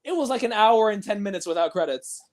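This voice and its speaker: A man's voice: high voice, lively intonation, quick pace. A man hosting a casual livestream movie chat, rambling with frequent chuckles. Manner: rambling, laughing often. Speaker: host.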